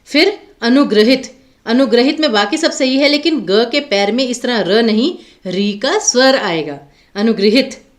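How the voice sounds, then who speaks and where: A woman's voice: fairly high pitch, a little slow. A woman teacher giving an online grammar lecture for exam preparation, patiently explaining and asking the students rhetorical questions.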